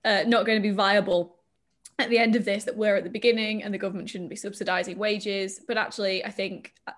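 A woman's voice: mid-range voice, steady tone, fast. Brief: female panel guest, mid voice, thinks aloud with repeated starts. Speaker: podcast guest. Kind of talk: panel discussion.

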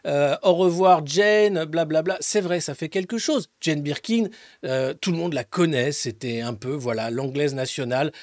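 Male press-review host with a high, dry voice; mocking, swears a lot, swings from loud jabs to mumbled asides. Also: normal speed, no echo. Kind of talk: casual sarcastic press commentary.

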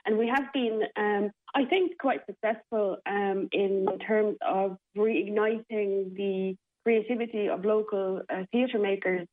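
A woman's voice: medium pitch, fairly even intonation, measured pace, hardly any pauses. A woman from the Republic, a theatre programme manager, speaking as a radio interview guest in a hesitant way with many fillers. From Czech Republic. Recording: tinny phone line.

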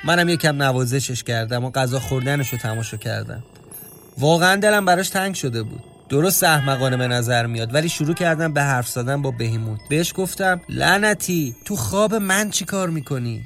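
A man reading his own first-person mystery horror story in a measured, tense storytelling voice. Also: medium pitch, fairly bright tone. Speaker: narrator and writer. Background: faint music.

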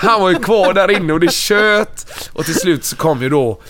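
A middle-aged man with a somewhat high speaking voice, a touring musician as guest, telling road stories in a loose, animated chat. He carries the story along with lively energy, jumping up when he acts out what people said. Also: a crowd in the background. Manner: animated, acts out quoted lines in a raised voice. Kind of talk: casual anecdotal storytelling.

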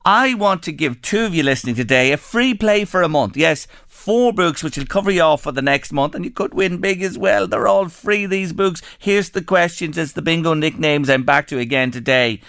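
A man's voice: a little high, moderate pace, creaky, few pauses, a bit bright, dry recording. Irish male radio presenter, folksy and effusive, clean resonant voice in a dry studio. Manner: effusive, folksy, asks rhetorical questions. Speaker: radio show host. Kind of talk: chatty local radio presenting.

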